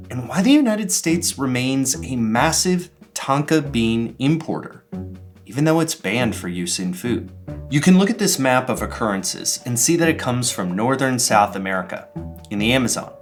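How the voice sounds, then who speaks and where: A man narrates a scripted explainer in a measured, curious way, his voice set in a mid register. Plucked guitar music plays clearly beneath him throughout. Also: mid-range voice, animated. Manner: measured, curious storytelling delivery. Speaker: video essayist and host. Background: guitar background music.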